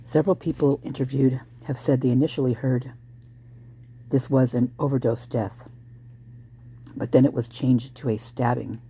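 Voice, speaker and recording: A true crime commentator with a hoarse, dark, medium-pitched voice speculates casually, thinking aloud at a moderate pace with a steady tone and long pauses. Sudden ideas make them break into exclamations.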